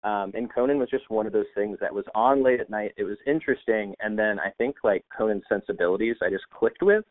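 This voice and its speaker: A man's voice: on the low side, fairly quick, few pauses. A man from the United States, a podcast guest, chatting casually with many fillers and restarts over a remote call. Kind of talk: casual interview chat. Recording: tinny phone-like line.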